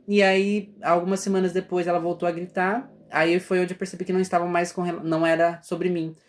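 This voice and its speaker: A man with a Brazilian Portuguese accent leads a relaxed spiritual lesson. He talks in an easy, conversational flow, stopping now and then to ask his listeners if they understand. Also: high voice. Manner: conversational, often asks "entende?". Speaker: spiritual teacher. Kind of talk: casual spiritual class.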